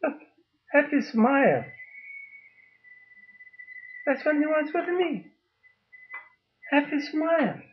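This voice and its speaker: Speaking to the camera as a father, a man makes a personal video appeal in an extremely high, very animated voice, recorded with lo-fi sound. His phrases come halting, emphatic and repetitive as he holds up documents.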